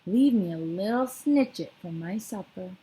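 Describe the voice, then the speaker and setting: A gentle, good-hearted giant who coaxes and pleads in an eager, lifted voice, as a woman reading aloud puts him on. His grammar comes out charmingly jumbled, a timid soul growing brave in a storybook. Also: expressive, moderate pace, natural voice, poor audio. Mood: anxious, coaxing. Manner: higher, eager, mangled grammar. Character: big kindly male giant, timid but clever.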